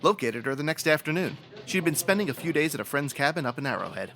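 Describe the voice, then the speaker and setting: With a fairly high, slightly bright voice, an actor plays a matter-of-fact police sergeant in an old-time radio detective drama. His delivery is animated, fast, dry, procedural and folksy, over soft background music.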